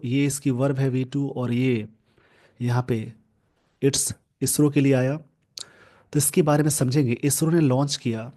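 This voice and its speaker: A man teaching English grammar from a newspaper, explaining slowly and repeating key words. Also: mid-range voice, mellow. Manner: slow, repetitive explaining, mixing English terms into Hindi.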